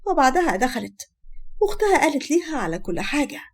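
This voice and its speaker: A woman with an Egyptian accent narrating a family drama story in a quiet, plain way. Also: high-pitched, sing-song, fast. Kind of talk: scripted narration.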